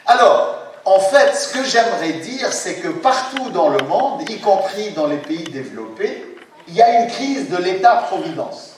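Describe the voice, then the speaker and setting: A man's voice: high-pitched, very animated, measured pace. A man in his sixties giving a university lecture, hesitant, with many fillers and restarts as he explains. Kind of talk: academic conference lecture. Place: lecture hall, indoors. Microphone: distant room mic. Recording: very echoey hall from far off, faint noise.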